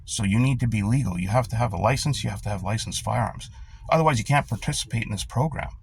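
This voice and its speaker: A man's voice: lowish voice, fast, gravelly, a little hiss or hum. A man hosting political commentary, ranting in a blunt, sarcastic and profane way. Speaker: commentary host. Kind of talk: angry political rant.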